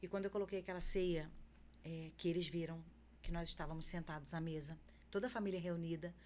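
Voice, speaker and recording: A woman's voice: lowish voice, darkish tone, a little hiss or hum. A woman with a Brazilian Portuguese accent, a podcast guest telling an emotional faith testimony with fervent feeling.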